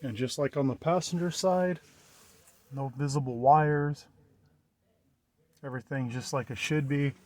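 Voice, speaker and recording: With a mid-range, darkish voice, a man narrates his vehicle radio installation at a measured pace with long pauses. This casual vlog walkthrough is plainspoken and hands-on, recorded outdoors around and inside a parked truck.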